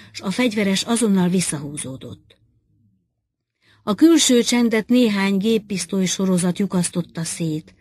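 A woman's voice: mid-range voice, darkish tone, no echo. Woman reading a literary audiobook. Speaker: audiobook reader.

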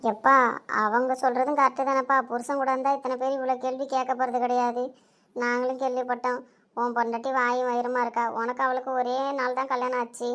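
A woman's voice: high voice, monotone, a little fast, a bit bright. A woman playing a meek, gossiping older village woman who speaks deferentially and pleads, in an amateur audio drama. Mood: pleading.

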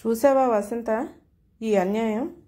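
A woman's voice: fairly high pitch, slow pace, mellow. A woman voicing an exasperated husband. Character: harried middle-aged husband, fed up.

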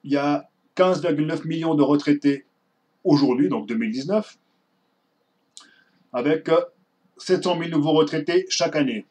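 A man's voice: on the high side, normal speed, long pauses, darkish tone. A man, reading an official document aloud in a casual explainer and breaking off for asides and restarts. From Switzerland. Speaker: vlogger.

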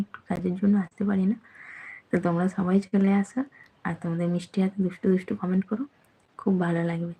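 Gravelly-voiced woman chatting on a live stream. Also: fairly low pitch, dark tone, poor audio. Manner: chatty, affectionate, teasing. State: slightly out of breath. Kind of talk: casual live chat reading viewer comments.

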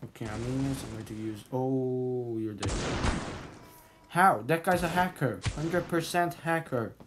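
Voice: medium pitch, measured pace. A gamer commentating on a shooter game in short, repeated, exasperated complaints. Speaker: gaming video creator. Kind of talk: casual first-person shooter gameplay commentary. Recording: noisy, with game gunfire. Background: video game gunshots and clicks.

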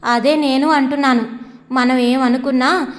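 A woman reading the part of a proud, sharp-tongued newlywed young woman who answers back defiantly and sarcastically in a storybook reading. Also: sits high, fairly even intonation, measured pace, big-room sound.

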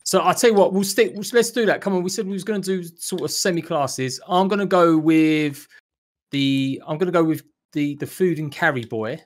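A man's voice: on the high side, moderate pace. A British man chatting casually and jokily with friends while playing a multiplayer game. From Britain. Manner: jokey, bantering. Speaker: gaming streamer. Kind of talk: casual multiplayer gaming chat.

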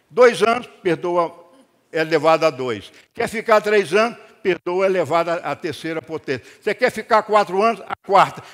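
An older man with a Brazilian accent, preaching a sermon to a congregation and telling stories with acted-out dialogue. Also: high-pitched. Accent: Brazilian Portuguese. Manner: lively storytelling with acted-out dialogue and jokes. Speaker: rabbi preaching. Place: congregation hall. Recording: long hall reverb.

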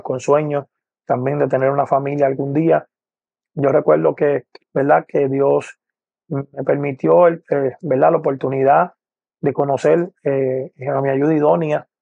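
Puerto Rican evangelist, 40s, earnest testimony, gravelly voice, dry close sound. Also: male voice, fairly high pitch, dry recording, phone-quality sound. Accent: Puerto Rican Spanish. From Puerto Rico. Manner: earnest, repeats "poderoso el nombre de Jesús", many "eh" and "¿verdad?". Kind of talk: personal testimony to camera. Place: indoor room with lamp, seated. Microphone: lapel mic.

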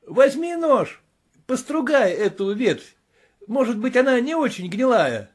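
A man voicing an excitable, obsessed gentleman who exclaims urgently and shouts orders. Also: very high voice, measured pace, slightly rough, voice pushed up, heavily acted. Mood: excited. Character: excitable obsessed male gentleman, feverish and commanding. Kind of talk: audiobook character voice.

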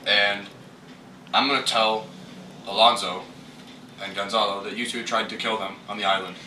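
A man's voice: on the low side, fairly even intonation, normal speed, bright, forceful tone. Man playing Prospero, casual schemer, echoey and distant. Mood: smug threatening. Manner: casual, hesitant, matter-of-fact. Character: Prospero, deadpan scheming former master, casually blackmailing. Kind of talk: improvised comic mockumentary. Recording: distant, echoey mic with noisy ambience.

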